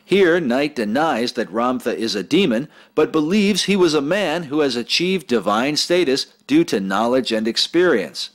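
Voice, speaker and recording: A man's voice: medium pitch, expressive, moderate pace, few pauses. A man giving scripted documentary narration in a grave, disapproving tone.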